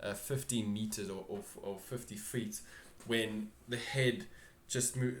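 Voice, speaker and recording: A man with a fairly low voice runs a tabletop game as game master. He narrates slowly and haltingly, repeating phrases while searching for words, in a roomy, echoing space. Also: fairly even intonation, a little hiss or hum. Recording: roomy, echoing home recording.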